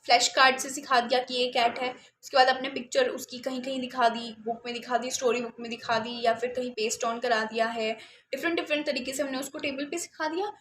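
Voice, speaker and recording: A woman's voice: high-pitched, fairly even intonation, brisk, a bit bright, echoey room, a little hiss or hum. A woman, a special educator explaining reading steps in a patient teaching talk, often checking in with her listeners.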